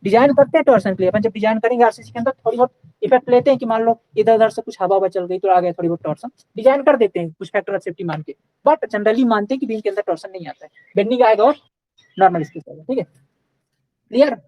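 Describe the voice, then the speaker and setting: A man whose voice sits high talks at a quick pace while teaching a live online engineering class, and the recording is muffled. He speaks Hindi with English technical terms, answers the questions he poses, and keeps asking "okay" and "clear?" to make sure students follow.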